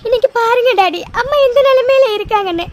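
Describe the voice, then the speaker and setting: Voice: extremely high pitch, fast, noisy background. A performer voicing a grown daughter in a cartoon, scared for her mother and reproachful, who scolds the family through tears. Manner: scolding, tearful, repeating herself. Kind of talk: cartoon voice acting.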